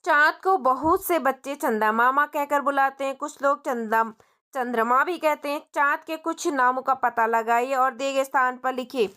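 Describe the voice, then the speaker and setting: High-voiced woman teaching young children. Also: moderate pace, pushed and bright. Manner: explains in simple Hindi mixed with English words; friendly, asks the children questions as she goes. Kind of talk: textbook lesson for young children.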